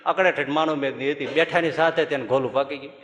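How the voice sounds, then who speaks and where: A Gujarati-accented man delivers a religious discourse as a monk, spinning homely stories with lively humor. His voice sits a little high for a man. It rings out through a large hall with a long reverb tail. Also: quick pace. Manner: folksy, animated storytelling with laughter. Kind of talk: storytelling sermon.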